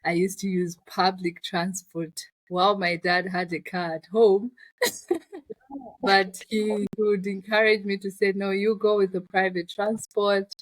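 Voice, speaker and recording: A woman with a Zambian accent, the founder of a finance business, tells her personal story as an interview guest in a reflective, conversational way. Her voice is mid-range and level in tone, and she speaks unhurriedly. The recording is rough but has no echo.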